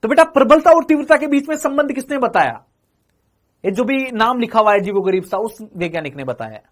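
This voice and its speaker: A male physics teacher with a notably high-pitched voice gives an exam-prep lecture. He keeps asking the class questions, calls them "beta", then answers the questions himself. He repeats each phrase two or three times. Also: expressive, brisk.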